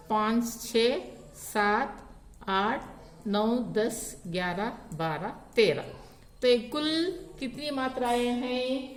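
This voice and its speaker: Slow, deliberate woman teacher in an echoey room. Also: fairly high pitch. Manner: slow, counting syllables aloud one by one. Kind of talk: Hindi grammar lesson explaining poetic meter.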